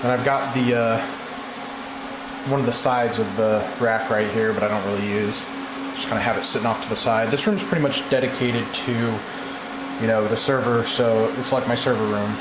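A man giving a relaxed, rambling walkthrough of his home server room, filmed on a handheld camera mic. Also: on the low side, normal speed. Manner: relaxed, rambling, with fillers and restarts. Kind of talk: casual walkthrough narration. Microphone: handheld camera mic, filming while walking. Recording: roomy with loud fan and AC hum.

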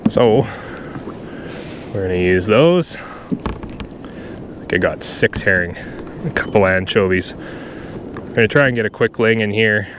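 With a lowish voice and a slow, pause-filled delivery, a Canadian man talks to his viewers while fishing from a kayak on open water. His on-water narration is laid-back and chatty. Clear wind and water sounds fill the background.

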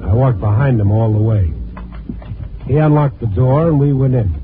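On a tinny old recording with music in the background, a man narrates in the first person and stars as a world-weary, probing newspaper reporter in a 1950s radio noir drama. His medium-pitched voice is lightly acted, brooding, and at a normal speed.

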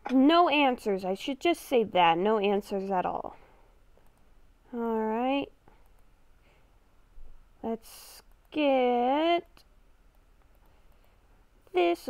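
This woman's voice is high and a little mellow, with no echo, though the lo-fi mic leaves it dull. She improvises in-character narration while gaming as a roleplay character, thinking aloud and repeating what she says.

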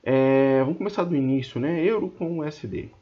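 A man's voice: fairly high pitch, a little fast, warm tone, highs cut off. A man with a Brazilian Portuguese accent teaching trading in an informal screen-share lesson, talking colloquially and scolding and joking with his viewers. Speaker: trading instructor.

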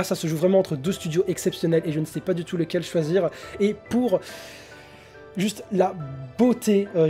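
A man's voice: high-pitched, mellow. A young man giving casual, opinionated commentary, enthusiastic and hesitant with many fillers. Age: young adult. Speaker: anime YouTuber.

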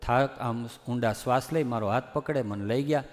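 A man's voice: medium pitch, normal speed. A man from Gujarat giving an earnest devotional discourse, pleading with listeners and rising to emphatic warnings. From Gujarat, India. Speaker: religious speaker. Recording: long hall reverb.

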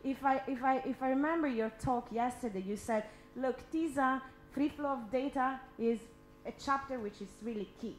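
High-voiced woman on a roomy panel mic. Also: soft background music. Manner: halting, repeats words while arguing earnestly. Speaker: symposium panelist. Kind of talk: impromptu panel discussion. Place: indoor symposium room. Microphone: handheld microphone. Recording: roomy hall echo, noise and hum.

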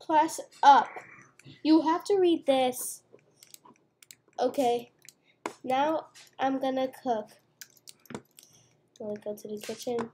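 In a woman's high, slightly mellow voice, a young girl plays a restaurant game at home, speaking slowly with long pauses as she narrates each move in a playful, chatty way. She's a gamer making casual gameplay chat, and faint background noise and mouse clicks can be heard.

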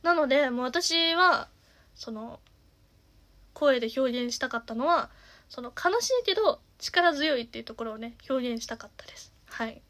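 A young woman in her twenties with a naturally nasal voice, chatting casually as a singer and streamer, with lots of fillers and the odd soft half-whisper. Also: sits high, animated, moderate pace. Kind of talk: casual chat.

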